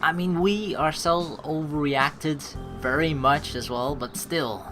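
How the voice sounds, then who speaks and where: A let's play host from the United States reads a visual novel aloud over game music, rambling through running commentary, thinking aloud, restarting and making asides. The voice is mid-range and slow.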